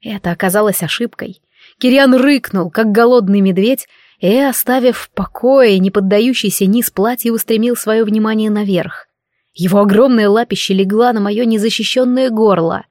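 A woman's voice: mid-range voice, normal speed, a little mellow, no echo, clean studio sound. Woman reading a novel aloud. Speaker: audiobook narrator. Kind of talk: scripted first-person fiction narration.

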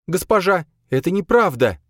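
A man voicing a frightened young woman who speaks in a shrill, urgent tone. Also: big pitch swings, moderate pace, dry recording, clean studio sound. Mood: pleading.

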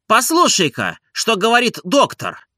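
A man reading an audiobook and voicing an irritable, idle gentleman who scolds his servant in an exasperated tone. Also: sits high, wildly swooping pitch, a little slow, dry recording, clean studio sound, voice pushed up, exaggerated voice. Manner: exasperated, petulant.

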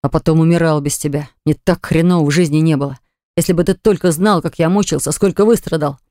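A woman's voice: sits low, fast, warm tone, no room sound, clean studio sound, close to an everyday voice. A woman voicing an insistent young man who pleads earnestly with his ex in an audiobook. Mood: anguished. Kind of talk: audiobook dialogue.

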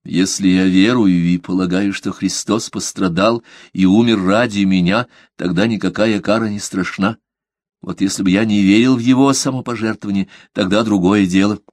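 A devout merchant, read by a man in an audiobook, answering questions with polite, measured calm and quiet firmness. The voice is lowish and the sound dry and close. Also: no echo, lightly acted. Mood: composed. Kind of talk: audiobook character reading.

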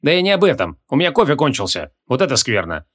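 Man doing a jolly bald archmage, cheeky, joking, bouncy pitch, comic fantasy audiobook. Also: very animated, fast, fairly bright tone. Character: jolly bald male archmage, coffee lover.

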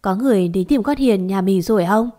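A woman voicing a kind, motherly village woman who speaks gently and turns tearful. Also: medium pitch, a little fast, close to an everyday voice. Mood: sorrowful.

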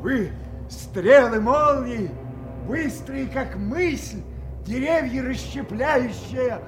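A man's voice: very high-pitched, animated, heavily acted. An actor playing an anguished old king who rages at a storm in grand, impassioned Russian stage tragedy verse. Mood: raging, commanding. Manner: grand, drawn-out, impassioned declamation. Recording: echoey studio drama with loud music.

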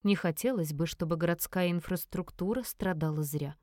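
A woman voicing a calm, dry elderly male mayor who speaks in a measured, slightly mocking way. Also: fairly low pitch, no echo, close to an everyday voice.

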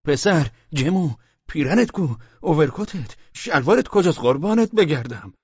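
A male audiobook narrator performs a group of panicked, bumbling young provincial gendarmes, yelping, whining and shouting frantically in a rural dialect. His husky delivery is heavily acted and very animated, with a raised pitch that swings wildly. The recording is dull, dry and lo-fi, with no room sound at all.

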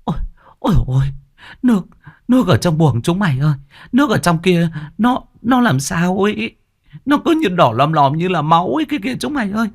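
A spiteful mistress of the house, put on by a male storyteller, shrieks and stammers in panic. The voice leaps up high and thin, and it swings wildly from word to word. It sounds like a figure in a told ghost story. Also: sing-song, a little slow, long pauses, heavily acted. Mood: terrified. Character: panicky, spiteful middle-aged mistress woman.

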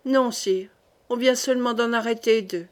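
A cold, controlled queen mother who speaks in measured, persuasive tones. A woman reads her with a somewhat high voice. It is an audiobook reading. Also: close to an everyday voice.

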